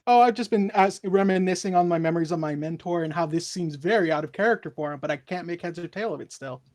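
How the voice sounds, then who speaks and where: Male tabletop player, high voice, casual chatter with quick agreements. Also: darkish tone. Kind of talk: casual tabletop play over a voice call.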